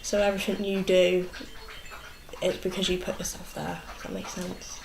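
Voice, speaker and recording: In a documentary interview, a 20-year-old young mother speaks candidly in an informal, plain-spoken way. Her voice is lowish and monotone at a normal speed, recorded in an echoey room with faint background noise.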